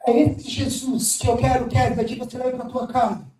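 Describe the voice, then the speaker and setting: A male pastor delivers an impassioned sermon, swinging from sudden shouts to hushed asides. His voice sits very high and carries a roomy echo. He stands back from the mic, with faint music playing behind him. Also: level tone, brisk, noisy background. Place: church hall. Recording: echoey church hall, mic at a distance, faint music.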